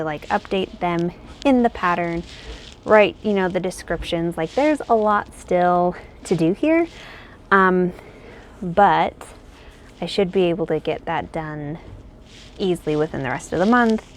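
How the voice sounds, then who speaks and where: Woman, crochet designer, casual rambling chat, slightly low voice, faint background hum. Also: unhurried. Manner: rambling and thinking aloud, many fillers. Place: home, indoors.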